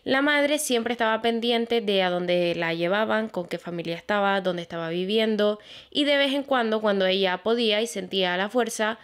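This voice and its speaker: A woman's voice: mid-range voice, moderate pace, smooth. Young woman chatting thru a crime case, talks right at viewers, says pues a lot. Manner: chatty, addresses viewers directly, fillers like "pues". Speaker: true crime channel host. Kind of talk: casual true crime narration.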